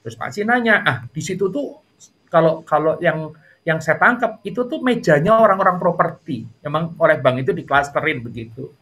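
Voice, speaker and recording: A middle-aged man with a fairly high voice tells a story as an interview guest. He is chatty and fills his talk with little fillers. His pitch jumps up when the story gets lively. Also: normal speed.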